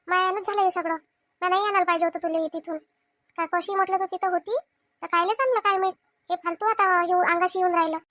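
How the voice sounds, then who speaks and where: A woman's voice: extremely high pitch, pushed and bright, no room sound. A woman voicing a caring young daughter who comforts her aunt, with a Vidarbha Marathi accent, in a cartoon comedy. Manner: soothing, reassuring.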